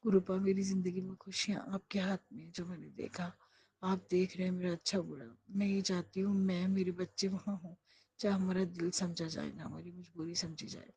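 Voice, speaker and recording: This is a middle-aged woman offering a spoken prayer, earnest and heartfelt. Her voice sits low and flat and sounds husky and soft-edged. She pleads steadily and does not perform. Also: moderate pace, rough recording. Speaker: devotee praying aloud.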